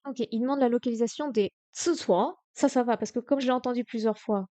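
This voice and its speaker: A woman streaming herself studying Chinese, sounding out words slowly and correcting herself aloud. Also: a little high, dark tone. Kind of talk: live-stream study session.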